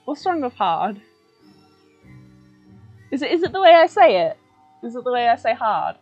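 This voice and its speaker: A woman's voice: a little high, sing-song, normal speed, darkish tone. A British woman chatting casually on a drawing stream, playful and giggly, repeating words over and over. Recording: dull lo-fi stream audio with faint music.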